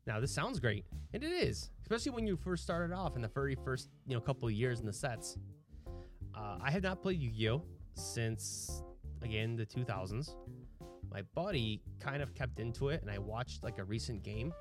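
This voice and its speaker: A man in his thirties from Michigan chats casually as a podcast co-host. He tells stories with animation and jumps between asides, at an average pitch. Faint guitar music plays behind him. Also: moderate pace. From Michigan, USA. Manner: storytelling, animated retelling. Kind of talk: casual chat.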